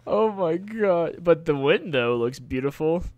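A man's voice: a little high, animated, measured pace, a little mellow, dry recording, dull audio. A young man co-hosting a game stream, chatting playfully and joking around. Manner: playful, jokey, breaks into silly voices. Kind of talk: casual gameplay commentary.

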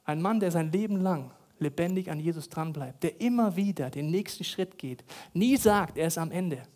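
A pastor delivers a sermon, his voice sitting noticeably high for a man. He tells stories dramatically and hammers points home by repeating phrases. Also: animated, moderate pace, darkish tone.

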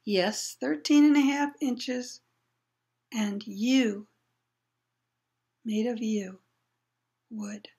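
Woman doing Ollivander, an eerie old wandmaker. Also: a little high. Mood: hushed, intent. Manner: quick shifts from murmuring to excited cries. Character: eccentric old male wandmaker, fussy and eerie.

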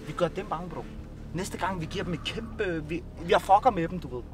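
A young man hosting a vlog from inside a car, joking and teasing in brash, slang-heavy casual talk. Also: high voice. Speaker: vlogger host. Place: inside a car at a drive-through attraction. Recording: noisy in-car recording.

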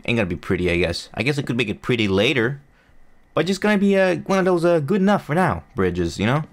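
Fast and very animated, his mid-range voice runs through loose gameplay commentary. The speaker is a young gaming YouTuber, not a native English speaker, whose chatter is rambling and self-mocking, thick with fillers and restarts.

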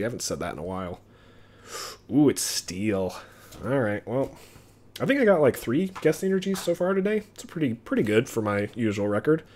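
A man streaming himself opening trading card packs, chatting casually and getting excited over his pulls. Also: fairly low pitch. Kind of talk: casual live-stream commentary.

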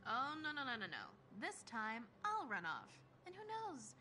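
A woman's voice: fairly high pitch, huge pitch swings, a little slow, pushed and bright, heavily acted. An actress voicing a playful, teasing young woman in a video game, heard through noisy game ambience.

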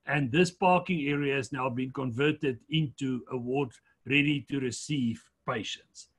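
A man presenting slides in a lecture, measured but fairly quick, with frequent fillers. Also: medium pitch, slightly rough.

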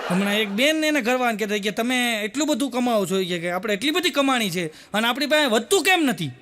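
A man's voice: very high voice, lively intonation, fast, noisy background. A man telling folk jokes on stage, acting out characters' lines and laughing often as he goes. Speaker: stand-up comedian telling jokes. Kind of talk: Gujarati folk joke storytelling.

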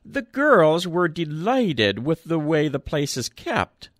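Casting: man playing a frail old gent, thin piping quaver, high and rambling, storybook reading. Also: sing-song, slow pace, a bit bright, dry recording, clean studio sound, full character voice. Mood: chatty. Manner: rambling, chatty.

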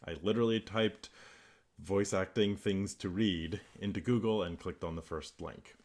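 A man with a deep announcer-style delivery who talks into his laptop microphone, then reads aloud as an amateur voice actor. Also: fairly even intonation, normal speed, a little mellow. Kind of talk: self-recorded vlog and dramatic reading.

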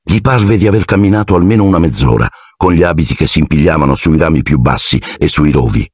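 A man narrating an audiobook in an expressive storytelling manner. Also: rumbling low, quick pace, breathy edge, no echo, clean studio sound. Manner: expressive storytelling, shifting into character voices. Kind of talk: scripted narration.

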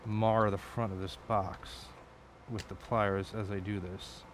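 A man with a fairly low voice talks his way through a late-night build at his home workbench. He rambles, swears and corrects himself as he goes. A faint hiss sits under the recording. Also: little pitch movement, slow. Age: adult. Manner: rambling, profane, self-correcting. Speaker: electronics hobbyist streamer. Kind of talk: casual build commentary.

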